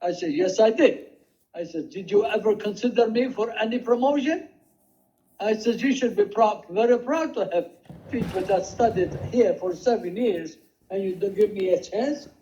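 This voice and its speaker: An older man recounting his working life in a rambling, halting way, with many restarts and quoted dialogue. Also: high voice, mellow. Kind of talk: rambling personal storytelling. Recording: dull lo-fi home recording.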